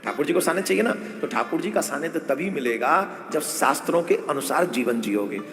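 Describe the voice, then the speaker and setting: A man's voice: a little high, expressive, fairly quick, fairly bright tone. A man giving a devotional sermon with comic stories, who acts out family members in a village dialect. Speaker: spiritual storyteller. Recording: echoey hall with faint music.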